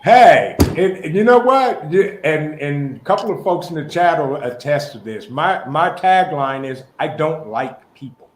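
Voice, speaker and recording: A man's voice: fairly high pitch, animated, unhurried, hardly any pauses. A man chatting casually as a livestream guest, blunt and repeating himself for emphasis. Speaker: guest on a live stream. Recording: roomy echo with light background noise.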